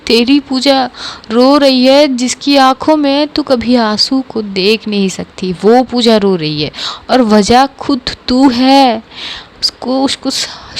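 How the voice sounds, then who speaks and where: Brief: exasperated young friend pressing for an answer, fairly high voice, woman narrator puts her on. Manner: pushy, urging, mixes in English phrases.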